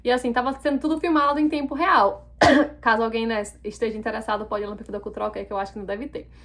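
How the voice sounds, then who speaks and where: A young woman telling a personal story in a casual, animated way, acting out the quoted dialogue. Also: fairly high pitch, rapid-fire. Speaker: vlogger.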